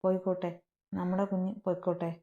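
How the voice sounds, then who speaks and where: A woman's voice: on the low side, completely flat delivery, fast, phone-quality sound, lightly acted. A woman voicing a heartbroken young wife who pleads in a broken voice. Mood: grief-stricken.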